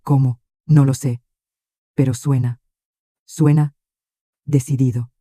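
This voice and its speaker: A man reading the lines of a frightened middle-aged mother-in-law in a flat, measured way. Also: medium pitch, dry recording, studio quality. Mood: urgent.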